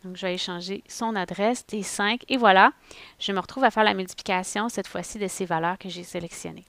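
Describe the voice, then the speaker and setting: A woman, a teacher talking through a software tutorial step by step, thinking aloud as she goes. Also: medium pitch, steady tone, fairly quick, no room sound. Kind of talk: screen-recorded software tutorial.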